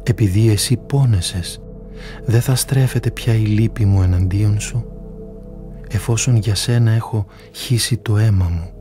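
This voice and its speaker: A man voicing a kind male divine figure who speaks gently and consolingly. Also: fairly low pitch, natural voice.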